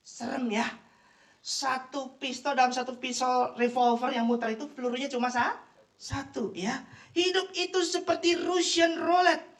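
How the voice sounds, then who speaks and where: Animated woman preacher in an echoey room. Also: high-pitched, normal speed. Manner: animated and emphatic, joking asides. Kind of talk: sermon. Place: office worship room. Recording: echoey room, mic far off.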